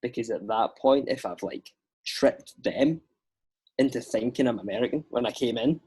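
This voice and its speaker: A young Scottish man, an actor guest, chatting casually on a podcast with lots of fillers and lively storytelling. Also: medium pitch, normal speed, slightly rough.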